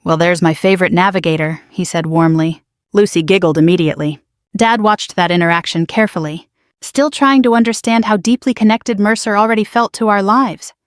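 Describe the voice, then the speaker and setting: A woman narrates a first-person story in a measured, quietly dramatic way. Her voice sits at an ordinary middle pitch. The recording is close and dry, with no room sound. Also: clean tone, no echo.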